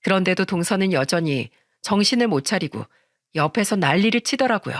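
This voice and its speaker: Woman narrating a story softly. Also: fairly low pitch, brisk, dry recording, studio quality. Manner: soft, even storytelling. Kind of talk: scripted first-person story narration.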